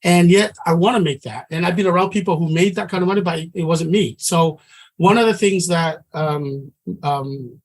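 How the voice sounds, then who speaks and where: Speaking at a moderate pace in a voice on the high side, a middle-aged man from Samoa instructs a trading class. He sounds earnest and conversational and regularly restarts what he's saying.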